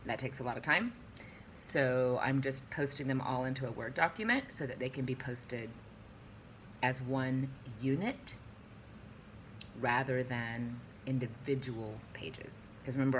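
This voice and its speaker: A woman's voice: extremely low pitch, a bit bright, slight background noise. A young woman teacher reading a novel aloud and chatting about it in a playful, easily distracted way, recorded at home on a webcam.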